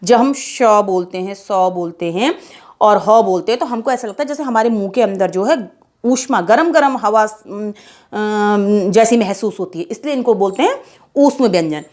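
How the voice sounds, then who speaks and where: A woman teaching a children's alphabet lesson, reciting letters slowly and repeating her own questions and answers for the pupils. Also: mid-range voice, expressive, darkish tone.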